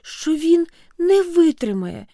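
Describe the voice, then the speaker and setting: A woman narrating a storybook tale in an expressive way, with sweeping pitch. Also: slow, no echo, studio quality. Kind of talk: storybook reading.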